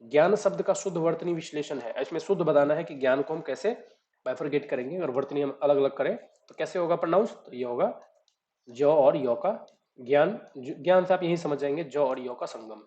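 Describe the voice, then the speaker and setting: A man's voice: a little high, a little fast, mellow. A man tutoring, reading out each exam question and then explaining the answer step by step. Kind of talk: exam solution walkthrough. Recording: dull lo-fi recording.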